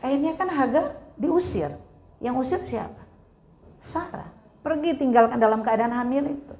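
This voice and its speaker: A woman pastor preaching a sermon in church, telling the story with lively acted-out voices and big swings in her delivery. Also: high voice, moderate pace.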